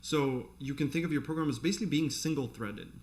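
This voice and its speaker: A man's voice: medium pitch, fast, darkish tone. Man explaining code off the cuff. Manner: conversational, thinks aloud while explaining. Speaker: programming instructor. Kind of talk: informal live coding tutorial, explaining off the cuff.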